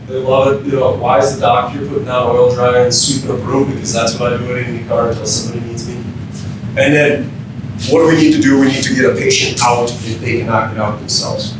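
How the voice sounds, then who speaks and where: The sound is echoey and distant: an American man from Minnesota, an emergency physician and keynote speaker, lectures firefighters in an interactive training session. He keeps it informal and quizzes the audience, while a distant mic and a rumbling noise color the very echoey recording.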